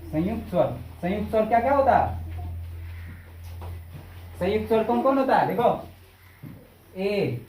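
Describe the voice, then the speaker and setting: A woman's voice: mid-range voice, animated, warm tone, a little hiss or hum. A woman teaching a Hindi grammar class, quizzing students again and again and stretching out vowel sounds to show their length. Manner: repetitive questioning, drawn-out vowel demonstrations, scolding. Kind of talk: classroom lesson with call-and-response drilling. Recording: echoey room from far off.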